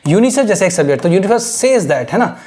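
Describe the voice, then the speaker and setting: Fast-talking male teacher. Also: sits high, big pitch swings, a little mellow. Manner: explains step by step with constant "right?" check-ins. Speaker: English teacher for exam aspirants. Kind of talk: mixed Hindi-English lecture.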